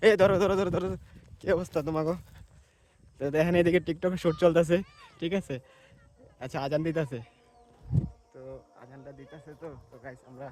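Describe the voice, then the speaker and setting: Guy from bangladesh vlogging as he walks outside, fast chatty talk, slightly high voice. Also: a little mellow. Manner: chatty, colloquial, often says "ঠিক আছে". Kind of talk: walking vlog. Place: outdoors in mustard fields.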